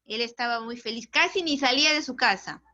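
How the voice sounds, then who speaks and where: A woman literature teacher, telling a story to her students in an animated way and often checking in with them, recorded with dull, lo-fi sound. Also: fairly high pitch, fairly quick. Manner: animated, tags questions to students. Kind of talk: storytelling lesson.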